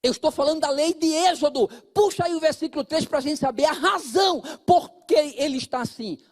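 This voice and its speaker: Speaking with a very high voice at a brisk clip, this Brazilian Portuguese-accented pastor preaches to his congregation face to face. He shifts back and forth between booming appeals and hushed side remarks.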